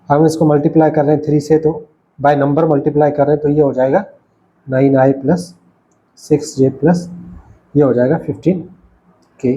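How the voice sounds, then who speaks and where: This recorded lecture features a man at a writing board who teaches patiently, goes over points more than once, and keeps asking whether his students follow. His voice sits on the high side and sounds mellow. There's slight background noise on a dull, lo-fi recording.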